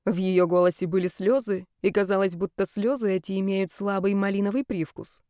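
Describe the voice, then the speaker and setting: A woman's voice: mid-range voice, steady tone, fairly quick, mellow, no echo, studio quality. Woman reading an audiobook. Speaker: audiobook narrator. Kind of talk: scripted narration.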